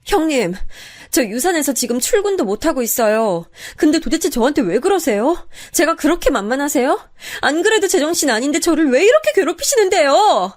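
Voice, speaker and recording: A woman's voice: sits high, very animated, brisk, few pauses. A woman voicing a grieving young wife in an audio story, pleading in an exasperated way. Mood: hurt. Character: grieving young wife and teacher, hurt and angry. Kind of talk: storybook voice acting.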